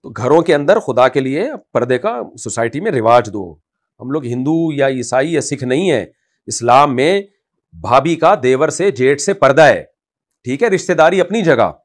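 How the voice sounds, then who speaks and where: A man, an Islamic scholar, answering a question in an impassioned advice talk, emphatic and scolding at times. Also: lively intonation. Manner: emphatic, rises loud to scold, then drops low and quiet.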